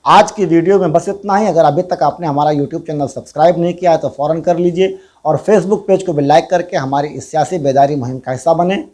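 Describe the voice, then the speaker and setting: This political commentary channel host has a darkish voice on the high side and talks a little fast. His scripted delivery is formal and rhetorical, full of pointed questions and Urdu-laced wording.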